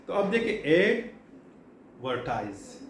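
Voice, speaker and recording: A man's voice: on the high side, big pitch swings. A middle-aged man from Pakistan teaching English vocabulary in a classroom lecture style, explaining patiently and repeating key words with frequent fillers. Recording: echoey room, faint background hum.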